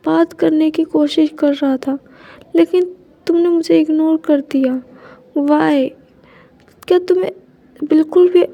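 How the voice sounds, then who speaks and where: A woman's voice: high-pitched, warm tone. A woman voicing a jealous, tearful young husband who pleads with hurt reproach.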